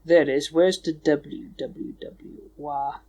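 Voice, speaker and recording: A man's voice: on the high side, steady tone, takes it slowly, dark tone. A man co-hosting a podcast, chatting casually, joking and bickering and swearing freely. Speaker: podcast co-host. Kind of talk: casual chat.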